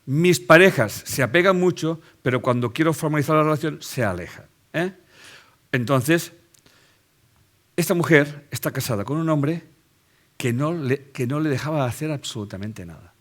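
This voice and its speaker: A man from Spain with a Spanish accent gives a live lecture to an audience in a medium-pitched, fairly bright voice. He drives his points home with rhetorical questions and tag checks.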